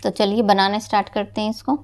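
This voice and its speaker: A woman teaching a knitting lesson step by step, her voice mid-pitched with a gravelly, creaky edge. She explains each stitch patiently and addresses her viewers warmly as friends. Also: little pitch movement, fast. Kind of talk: step-by-step craft tutorial.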